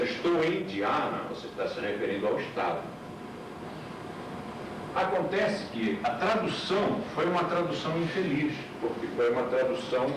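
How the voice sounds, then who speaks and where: A man teaching a class, explaining patiently and asking rhetorical questions, heard from an old VHS tape recording. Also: medium pitch. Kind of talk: classroom lecture. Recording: echoey, distant, hissy old VHS tape.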